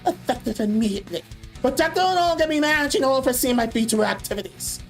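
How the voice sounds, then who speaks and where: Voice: high-pitched, lively intonation, fast, faint music behind, voice pushed up. A streamer putting on a mocking witch voice, drawn out and mock-solemn. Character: mocking witch reading a statement.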